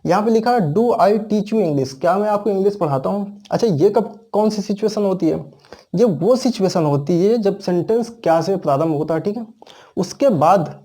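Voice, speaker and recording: A male English teacher with an Indian accent explains grammar gradually to his class, answering the questions he raises. His voice sits high and has a warm tone.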